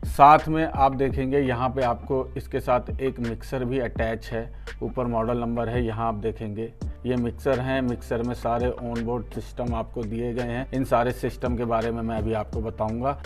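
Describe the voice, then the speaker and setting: With soft music in the background, an Indian man unboxes and demonstrates a product as his channel's host and reviewer. He speaks at normal speed in a medium-pitched voice with little pitch movement. His explanations go step by step, often circle back to the same points, and address viewers in a familiar, friendly way.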